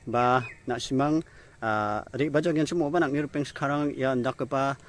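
A young vlogger hosts a casual outdoor vlog by a rural fish pond, chatting and explaining directions into a phone held at arm's length. He has a medium-pitched voice and talks at normal speed.

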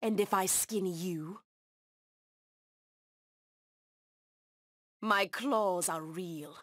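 Savage cheetah huntress for a fighting game, slow menacing taunts, really dry sound. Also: female voice, on the low side, dry recording. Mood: predatory, menacing.

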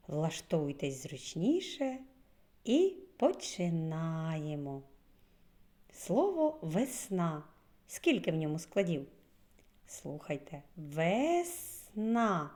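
Slow, lively-voiced preschool teacher woman. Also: low-pitched. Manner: slow, clearly stressed words for small children. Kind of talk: children's lesson.

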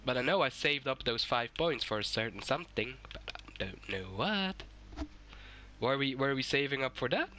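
A sick, hoarse man giving swearing, excitable let's-play commentary and shouting at the game. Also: medium pitch, normal speed, slight background noise. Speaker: gaming YouTuber.

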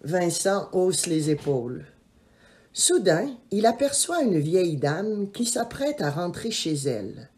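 Slow, expressive woman storyteller. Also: on the low side. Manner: expressive, measured. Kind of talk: scripted children's story narration.

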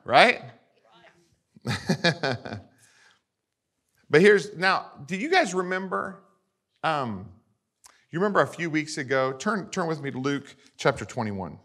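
A man preaching a sermon in a fairly high voice. He keeps stopping to ask his congregation whether they agree, and his delivery stays animated throughout. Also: takes it slowly, long pauses. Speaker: pastor.

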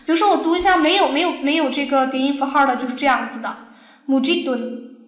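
High-voiced woman teaching in an echoey room. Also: quick pace. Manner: patient, explains step by step, asks the class questions. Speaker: Arabic teacher. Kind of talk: recorded language lesson.

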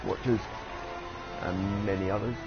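Man, game streamer, low gravelly voice, slow rambling, dull lo-fi audio, faint music. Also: steady tone. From United Kingdom. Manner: rambling and giggly. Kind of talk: casual gameplay commentary.

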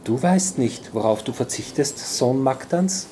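A man reading aloud voices a mysterious, seductive woman with a smoky, quiet, coaxing voice. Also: mid-range voice, lively intonation, unhurried, a little hiss or hum, natural voice.

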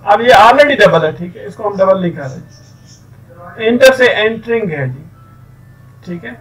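A man teaching an English grammar lesson, explaining rules with many fillers and reading example sentences slowly. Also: high voice, lively intonation, distant mic, rough recording.

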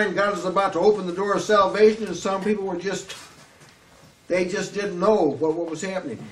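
An older man with a Southern US accent preaching an earnest, emphatic sermon at a lectern, often restarting his phrases. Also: high voice. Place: small room before a curtain backdrop, at a lectern. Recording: echoey room, slightly distant mic, faint hiss.

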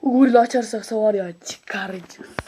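Over slight background noise, an excitable creator with a high voice narrates gameplay at normal speed. Expect loose slang, yelling and the occasional whoop.

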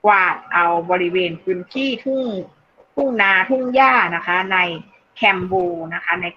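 A woman teaching an English class online, explaining slowly in Thai and reading English phrases aloud. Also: medium pitch. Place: online video call. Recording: dull lo-fi call audio, faint noise.

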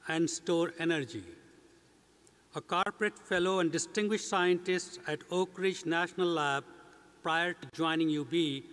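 An older man, a university president, giving a measured, scripted formal speech at a commencement ceremony. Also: high-pitched. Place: large indoor commencement stage. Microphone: podium mic. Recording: long reverb of a big hall.

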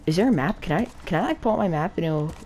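A woman playing a game with a friend, talking excitedly and nervously through every move in casual chat. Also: lowish voice, fast talker, slight background noise. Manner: frantic, excitable, talks through each move aloud. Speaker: gaming channel co-host. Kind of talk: casual let's play chat.

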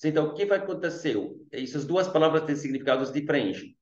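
A male Arabic teacher with an Arabic accent, giving an online language lesson in simple, slow explanations full of fillers. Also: on the high side, darkish tone, roomy sound, lo-fi sound. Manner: explains slowly with many fillers like "gente" and "tá".

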